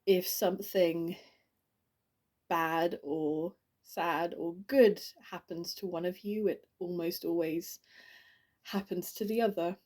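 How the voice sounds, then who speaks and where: An actress playing a grieving woman delivering a eulogy for her friend, halting and stammering with many restarts, in an audition monologue. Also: fairly low pitch, fairly even intonation, a little mellow. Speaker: actor.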